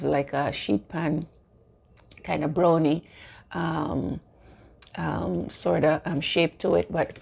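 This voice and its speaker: Gravelly, husky woman chatting casually. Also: low-pitched, darkish tone. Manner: chatty, many fillers, turns to earnest preaching. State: talking while eating. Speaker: vlogger. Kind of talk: casual home baking vlog.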